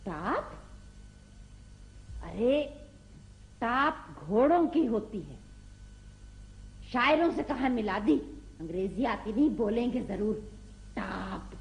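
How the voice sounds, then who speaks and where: A sarcastic middle-aged mother who takes her time, drawing out her cutting remarks in an unhurried way. Her voice sits at a middle pitch. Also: expressive, creaky, full character voice, low-quality recording. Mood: scolding. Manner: sarcastic, scolding. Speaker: mother and wife. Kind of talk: classic television comedy drama acting.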